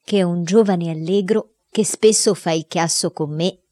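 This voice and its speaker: Woman audiobook reader, expressive storytelling narration, somewhat low voice, dry close sound. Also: normal speed, no room sound. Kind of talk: scripted narration of a children's diary novel.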